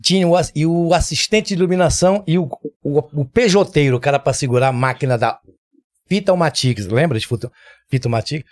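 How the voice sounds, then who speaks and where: A man's voice: on the high side, brisk. An older man with a Pará accent, a former TV news presenter telling stories as a podcast guest, swearing freely. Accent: Pará Portuguese. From Pará, Brazil. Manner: lively storyteller, swears freely. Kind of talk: casual podcast chat.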